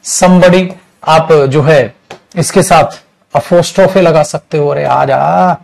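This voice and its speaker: Slow chatty male teacher. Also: fairly high pitch, creaky. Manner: slow, chatty, teasing, calls students beta. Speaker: English grammar teacher. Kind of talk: casual classroom lecture.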